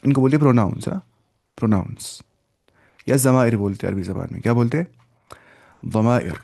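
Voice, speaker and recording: Male teacher, patient step-by-step explainer who quizzes his class, warm mellow tone, dry close sound. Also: mid-range voice, animated, gravelly, no echo. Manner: repeats key words and asks the class quick check questions; patient step-by-step explaining, mixing in English terms. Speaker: Arabic teacher. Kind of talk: online language lecture.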